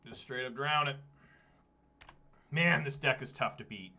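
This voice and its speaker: A man's voice: mid-range voice, unhurried, bright, forceful tone. A man thinking aloud in a casual, muttering way while he plays an online card game, with exasperated asides. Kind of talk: thinking aloud over gameplay.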